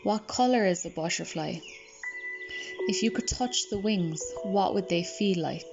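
A woman guides a slow relaxation in a gentle, unhurried voice. The sound is a little muffled. Calm music plays clearly behind her, with birds chirping. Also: mid-range voice. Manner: slow, soft and soothing. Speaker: meditation guide. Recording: slightly dull recording.

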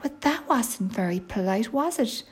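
Woman as little girl, polite, innocent, lilting, breathy, fairy-tale storybook character. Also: fairly high pitch, expressive, normal speed. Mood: disapproving.

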